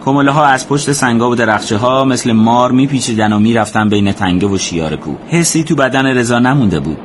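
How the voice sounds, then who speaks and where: A man narrating a war story as scripted audiobook narration, in a steady, measured way. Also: medium pitch, a little hiss or hum.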